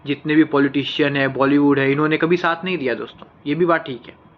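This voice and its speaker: A man's voice: fairly high pitch, steady tone, fast talker, highs cut off. A man giving casual, earnest news commentary, speaking straight to his viewers as friends.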